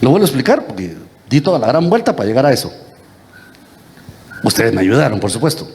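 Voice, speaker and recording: A man's voice: medium pitch, big pitch swings, fast, a little mellow, slight background noise. A Guatemalan priest giving a homily, teasing his congregation and quizzing them with the same question again and again. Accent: Guatemalan Spanish. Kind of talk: lively interactive homily. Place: church.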